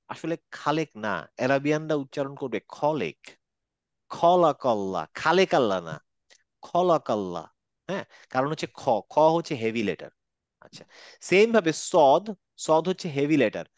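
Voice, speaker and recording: A man's voice: fairly high pitch, dry recording, dull audio. A man teaching a Quran recitation class online, explaining and repeating letter sounds patiently, mixing English words into his talk.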